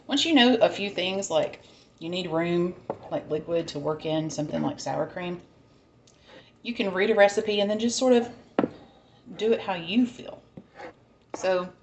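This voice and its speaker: Cooking in her home kitchen, a woman with a Southern American accent and a voice on the low side thinks aloud and chats casually for her cooking vlog. The room sounds echoey, and the background is noisy.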